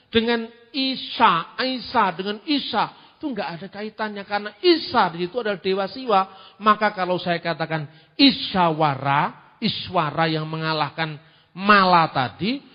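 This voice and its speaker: High-voiced preacher man, echoing hall. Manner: animated, rhetorical questions. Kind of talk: sermon-style teaching. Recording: dull lo-fi recording in a reverberant hall.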